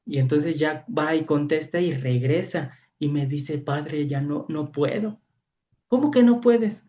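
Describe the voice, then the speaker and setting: A priest with a Mexican Spanish accent, preaching in a storytelling way, acting out voices and often asking "¿verdad?". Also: male voice, fairly high pitch, steady tone, a little slow, darkish tone. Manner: storytelling, acts out voices, frequent rhetorical "¿verdad?". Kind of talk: preaching to a youth training session. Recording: dull lo-fi audio.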